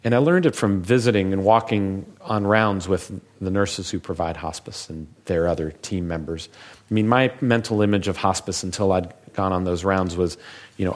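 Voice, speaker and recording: A man with a very low, deep voice gives a public talk as a physician. He tells stories in a measured, reflective way, taking his time over each thought.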